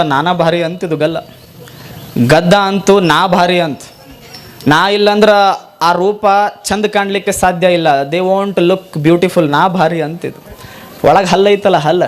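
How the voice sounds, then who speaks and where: A man, a monk, preaching a sermon with a North Karnataka accent, telling stories with acted dialogue and chanting verses. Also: a little high. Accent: North Karnataka Kannada.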